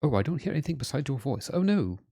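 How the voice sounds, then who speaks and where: A man's voice: medium pitch, sing-song, fast talker. A man chatting casually with viewers during a live game stream, self-deprecating and talking straight to chat. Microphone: headphones with desk mic. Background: soft background music.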